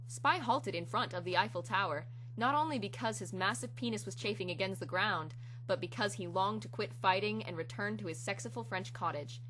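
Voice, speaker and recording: A woman's voice: medium pitch, brisk, fairly bright tone, low-quality recording. A woman giving a theatrical, hammy dramatic reading of fan fiction as its narrator. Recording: clear hum and background noise.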